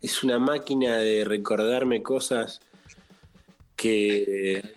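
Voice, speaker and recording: A man with a Rioplatense Spanish accent, deadpan, telling a personal story in a casual comedic chat. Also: on the low side, takes it slowly, faint music behind. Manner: deadpan, peppered with "viste".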